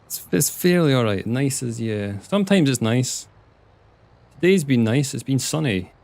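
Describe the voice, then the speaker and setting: His voice sits mid-range now, animated and creaky with a darkish tone, at a moderate pace. The young Scot is still streaming his farming game, chatting casually, reading chat out loud and muttering at the game in this relaxed live gameplay talk.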